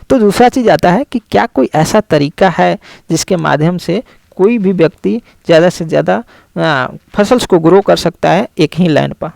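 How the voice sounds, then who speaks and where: A man's voice: sits high, vocal fry, darkish tone, dry recording. A man teaching a lesson, explaining step by step and repeating key terms with many fillers. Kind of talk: classroom lecture.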